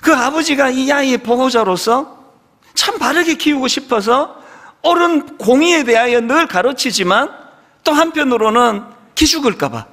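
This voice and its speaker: Middle-aged pastor guy telling a story in his sermon, high voice that jumps around a lot, church hall echo. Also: normal speed. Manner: conversational, animated storytelling, acting out quoted dialogue. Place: church sanctuary.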